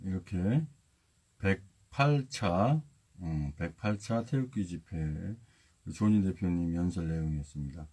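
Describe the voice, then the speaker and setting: A man's voice: sits low, expressive, unhurried, darkish tone, breathy edge. A man hosting a political broadcast, giving commentary and reading a formal statement aloud.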